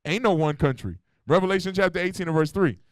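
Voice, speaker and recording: A man preaching in a high voice with a blunt, slangy, profane delivery. He keeps challenging the room with rhetorical questions. The sound is dry and close. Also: fast, no room sound. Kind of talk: street-style sermon. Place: church meeting hall.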